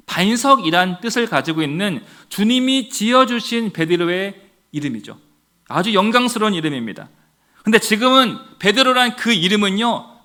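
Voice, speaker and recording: Bright, lively-voiced male pastor preaching. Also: high-pitched. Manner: earnest preaching with rhetorical questions and direct address to the congregation. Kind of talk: sermon.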